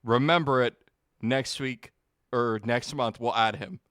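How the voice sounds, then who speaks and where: A podcast co-host running the segments in casual chat, laid-back and profane, laughing often. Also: male voice, medium pitch, a little slow, a bit bright, clear, resonant tone, no echo, clean studio sound.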